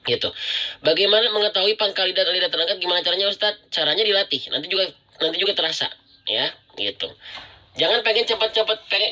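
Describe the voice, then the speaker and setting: A man's voice: on the high side, bright, forceful tone. A man teaching Quran recitation rules in a live-streamed lesson, patiently repeating and demonstrating letter sounds and thanking viewers.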